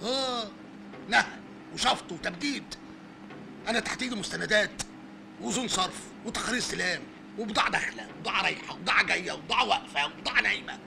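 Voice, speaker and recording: A man's voice: high voice, fast talker, creaky, noisy background. An actor playing a teasing, conspiratorial male coworker with an Egyptian accent. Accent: Egyptian Arabic.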